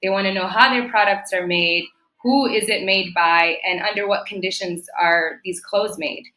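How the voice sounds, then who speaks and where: A woman's voice: mid-range voice, fairly even intonation, moderate pace, sharp tone, roomy sound, low-quality recording. A young adult woman from Ethiopia, a fashion designer and entrepreneur, answering interview questions in a chatty way with many fillers.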